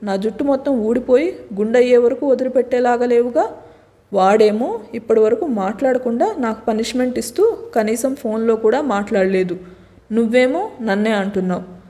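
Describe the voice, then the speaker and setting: A woman's voice: a little high, moderate pace, dark tone, big-room sound, lightly acted. A woman voicing a hot-tempered young husband who is a loyal friend, complaining in an exasperated, teasing way.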